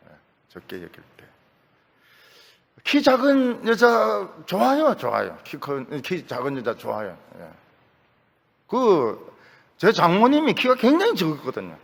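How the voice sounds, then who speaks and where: A slightly high, creaky voice belongs to an older Gyeongsang-accented pastor giving a folksy sermon full of jokes and repeated key phrases. He's in a church sanctuary, and the recording carries church hall reverb.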